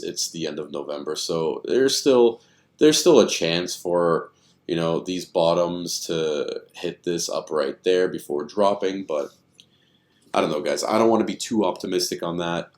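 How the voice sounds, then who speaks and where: A man giving casual, rambling commentary on stock charts, thinking aloud with many fillers, tired and yawning. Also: sits low.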